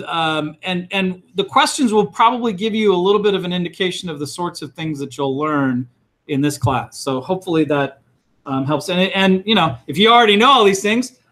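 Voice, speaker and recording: Guy teaching a college class, kinda high voice, lots of ums and restarts, classroom lecture vibe. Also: a bit bright. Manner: casual and rambling, many fillers and restarts. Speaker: college instructor. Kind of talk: classroom lecture, taking roll call.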